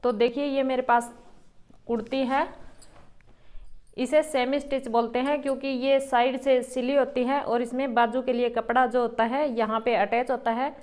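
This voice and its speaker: A woman who runs a boutique, calmly explaining step by step how to cut a garment as she works. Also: sits high, moderate pace. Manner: calm, explains each step while working. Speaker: boutique owner teaching tailoring. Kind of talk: step-by-step sewing tutorial.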